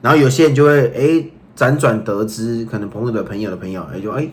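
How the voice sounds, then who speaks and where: A man with a Taiwanese Mandarin accent co-hosting a podcast, telling stories in an animated, playful way with bursts of bragging. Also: mid-range voice, quick pace. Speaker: podcast co-host. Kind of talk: casual chat.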